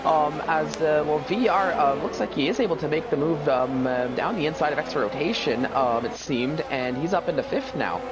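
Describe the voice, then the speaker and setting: A man's voice: on the high side, normal speed, few pauses, heavy background noise. A man working as a motorsport co-commentator, giving live race analysis in a hesitant, conversational way. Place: esports race broadcast commentary.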